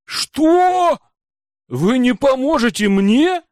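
A man's voice: medium pitch, very animated, moderate pace, darkish tone, dry recording, studio quality, lightly acted. A man voicing a whiny, indignant young female witch student in an audiobook. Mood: desperate. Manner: whiny, pleading.

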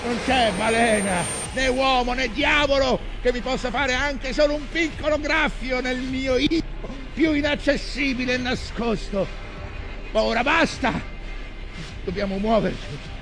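An actor playing an old, obsessive, commanding whaling captain in a grandiose theatrical monologue. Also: male voice, very high voice, over music. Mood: agitated, defiant. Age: older. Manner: grandiose, commanding, impassioned, slow deliberate phrasing.

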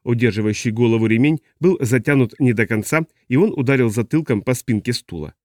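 A man narrating an audiobook at a middle pitch, steady and even. The sound is close and dry, with no room around it. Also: a little fast, no room sound. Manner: steady, even reading voicing several characters. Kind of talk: scripted narration.

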